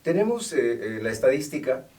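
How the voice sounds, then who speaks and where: A man hosts the interview, posing formal questions at a measured pace. His voice has a mid-range pitch and is picked up from a distance, away from the microphone. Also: very animated, darkish tone. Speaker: host. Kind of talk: interview hosting.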